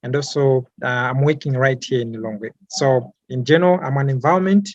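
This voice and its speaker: A man's voice: medium pitch, brisk, no echo, dull audio. A young man from Malawi, an environmental activist, answering interview questions hesitantly, with many fillers and repeated words.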